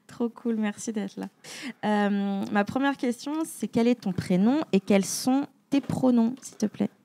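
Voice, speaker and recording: Thirties woman host, dark gravelly voice, lively and blunt. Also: a little high, slow pace. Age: 30s. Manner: lively, outspoken, informal. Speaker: podcast host. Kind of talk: podcast intro and interview.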